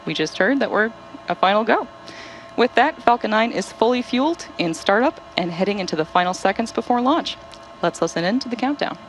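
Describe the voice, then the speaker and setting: A woman's voice: on the high side, animated, a little fast, slight background noise, low-quality recording. A woman hosting a live launch webcast, explaining technical steps in running commentary.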